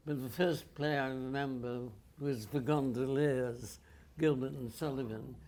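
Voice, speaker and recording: With a little slight background noise, a man speaks at a medium pitch in a slightly mellow voice as he recalls theatre memories on a public panel. Sitting as an audience panelist, he tells his stories drily and wryly, keeping the humor understated.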